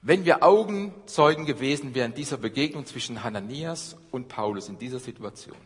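A middle-aged man delivers a sermon in an earnest preaching manner, rising to loud emphasis and then dropping to hushed, low passages. His voice sits at an ordinary pitch. A long reverb from the church hall trails after every phrase. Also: lively intonation, a little fast. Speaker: pastor.

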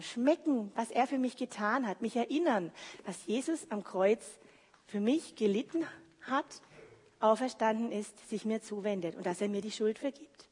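A woman's voice: a little high, darkish tone, husky. A woman giving an earnest, heartfelt devotional sermon, repeating phrases for emphasis. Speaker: lay preacher. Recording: long hall reverb.

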